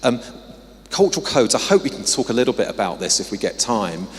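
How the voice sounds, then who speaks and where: A man's voice: medium pitch, big pitch swings, fairly quick, a little hiss or hum. A man with an English accent giving a conversational conference talk with slides as a guest researcher, dropping in apologetic asides. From England. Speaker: guest speaker, social mobility researcher. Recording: long reverb of a hall.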